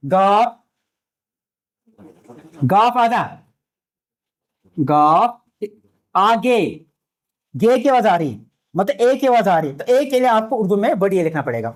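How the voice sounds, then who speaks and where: Male language teacher with a high voice, patient and repetitive, slowly spelling out letters for a classroom lecture. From India. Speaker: Urdu teacher.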